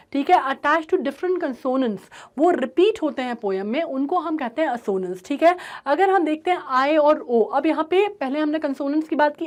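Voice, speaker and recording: Woman teacher with a high voice, explains a poem step by step and keeps checking in with her students. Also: darkish tone. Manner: repeats "ठीक है" often, mixes English terms into Hindi.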